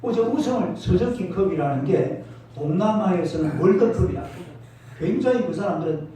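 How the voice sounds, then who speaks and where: A man's voice: high-pitched, expressive, moderate pace, mellow. A male pastor preaching a sermon, emphatic, calling out to the congregation for responses. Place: church sanctuary. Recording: echoey church hall from far off.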